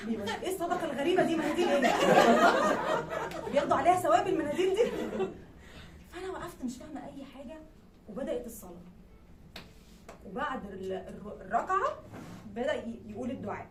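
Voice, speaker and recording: Lively young Egyptian woman telling a story. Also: high voice, moderate pace, long pauses. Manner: lively, animated, laughing through her words. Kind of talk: live comic storytelling. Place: live storytelling event hall. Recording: echoey room, distant mic, background noise.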